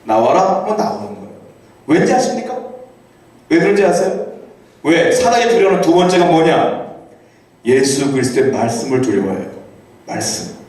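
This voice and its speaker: Male pastor, high voice, conversational preaching with rhetorical questions, scripture read slowly, heard from a distance in a very echoey church hall. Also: lively intonation, darkish tone. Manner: reads scripture aloud slowly and deliberately. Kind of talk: sermon. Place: church sanctuary.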